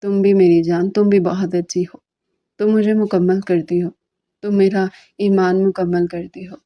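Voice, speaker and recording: A woman's voice: mid-range voice, little pitch movement, lo-fi sound, natural voice. A woman doing a teasing young husband. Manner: teasing, affectionate.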